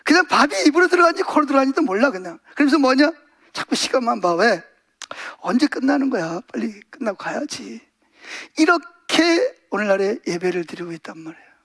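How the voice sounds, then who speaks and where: A male pastor delivering a Sunday sermon in a strikingly high voice. He preaches with animation, acting out scenes in other voices and calling out questions to his listeners. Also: brisk. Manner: animated, acts out voices and asks the congregation questions.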